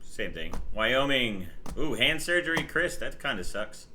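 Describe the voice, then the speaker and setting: A man's voice: medium pitch, very animated, unhurried, sharp tone, slight background noise. A man from New Jersey hosting a casual live stream, greeting viewers and explaining computer settings as he works. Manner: chatty, greets viewers, explains overclocking settings while working. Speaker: livestream host.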